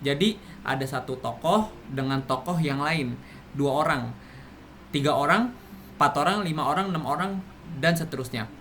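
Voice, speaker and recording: A man explaining a lesson in a casual classroom way, his voice a little on the high side. He pauses and restarts often. Faint background noise sits under his voice. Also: a bit bright. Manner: explains with many fillers and restarts. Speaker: presenter.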